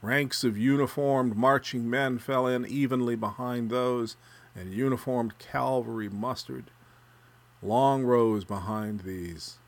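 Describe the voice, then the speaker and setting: A man narrating a literary story, reading prose aloud with a measured, even delivery. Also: medium pitch.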